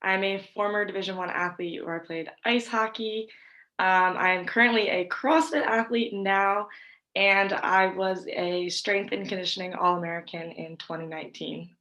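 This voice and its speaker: A woman's voice: medium pitch, fairly even intonation, normal speed, pushed and bright, rough recording. Confident young woman in her twenties. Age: 20s. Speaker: panel guest, athlete. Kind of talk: self-introduction on a video call. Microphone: video call.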